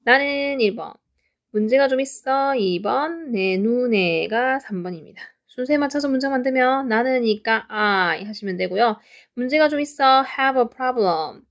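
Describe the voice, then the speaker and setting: A woman teaching an English lesson in Korean, patiently explaining pronunciation and repeating example sentences slowly. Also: on the high side, animated.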